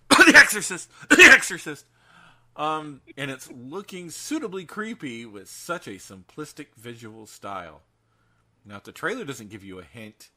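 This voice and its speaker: A man co-hosting a podcast runs through horror news casually, in a theatrical, jokey and emphatic style. His voice is medium in pitch, bright and forceful.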